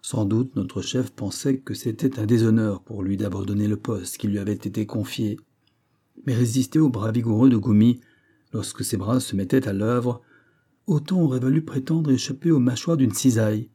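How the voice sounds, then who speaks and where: Husky low-voiced male audiobook narrator. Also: moderate pace, mellow. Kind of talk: scripted narration of a classic novel.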